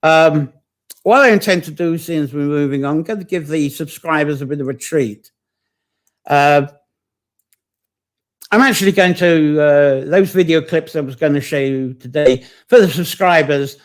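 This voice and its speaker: A man's voice: on the high side, normal speed. A man hosting a live online folklore session, talking in a chatty, digressive way and stopping to greet viewers and read their comments. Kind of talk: informal live-streamed folklore talk.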